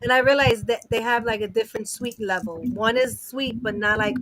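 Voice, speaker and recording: A woman's voice: a little high, a little fast, fairly bright tone, no room sound, rough recording. A woman in a casual live chat, explaining her views at length.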